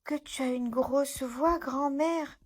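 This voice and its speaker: A woman doing a timid little girl. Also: slow pace. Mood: wondering. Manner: small, high, soft voice.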